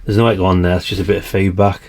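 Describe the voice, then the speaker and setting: A man with a slightly croaky voice, chatting casually through a radio review and tossing in tag questions. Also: low-pitched, little pitch movement, very fast, a little mellow, slight background noise. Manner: chatty, adds tag questions like "isn't it, really?". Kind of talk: casual product demonstration.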